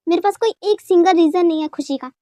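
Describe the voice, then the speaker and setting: A woman's voice: very high-pitched, fast talker, warm tone, no room sound, clean studio sound. A woman voicing a young wife who scolds her husband in short, curt lines, in a dubbed fan story. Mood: annoyed. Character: irritated young wife, sharp-tongued.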